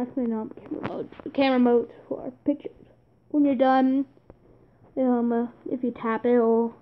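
A woman's voice: sits high, muffled recording. A woman talking through a casual app tutorial as a YouTuber, rambling and jokey, with asides muttered under her breath. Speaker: YouTuber demonstrating apps.

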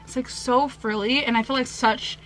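A woman's voice: fairly high pitch, steady tone, normal speed, fairly bright tone, slight background noise. A young woman in her twenties chatting casually to the camera in a home haul vlog, filling her talk with "like". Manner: chatty, filler-heavy, lots of "like". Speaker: vlogger. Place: bright room at home, indoors. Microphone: camera facing her at close range.

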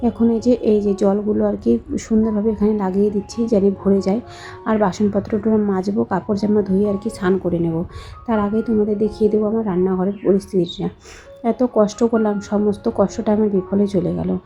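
A young woman with a hoarse voice from a cold, chatting slowly and softly to her viewers in a voice-over for her home vlog. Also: mid-range voice, fairly even intonation, muffled recording, soft background music. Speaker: vlogger, housewife.

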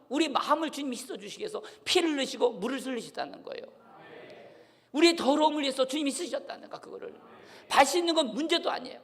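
A man's voice: very high voice, gravelly. A man pastor preaching a sermon, often calling out to the congregation for responses. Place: church sanctuary. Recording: long hall reverb from a church.

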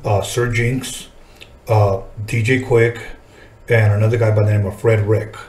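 A middle-aged man with a lowish, darkish voice speaks unhurriedly with little pitch movement, in roomy sound captured on a desk podcast microphone in a small indoor studio. A music artist and podcast host, he runs a casual interview, reminiscing informally and swearing a lot.

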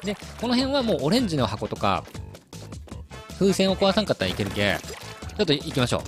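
A man's voice: fairly high pitch, wildly swooping pitch, a little fast, over music. A young man from Hiroshima with a Hiroshima dialect accent, giving chatty, playful gameplay commentary with frequent laughs. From Hiroshima, Japan. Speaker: game commentator.

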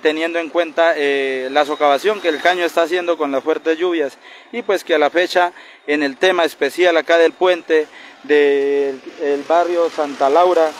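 A man's voice: a little high, steady tone, normal speed. A man in his thirties, a community leader, urgently complaining in a street interview by a roadside, held mics close. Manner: urgent, indignant complaint, pointing things out. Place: roadside outdoors by a bridge. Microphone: handheld news mics held close. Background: passing traffic.

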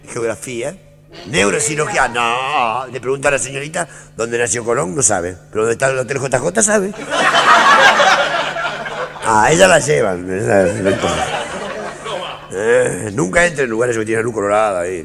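A man's voice: medium pitch, vocal fry. A man with an Argentine accent doing crude live stand-up comedy, rambling and laughing at his own jokes. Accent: Argentine Rioplatense Spanish. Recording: live show cassette recording.

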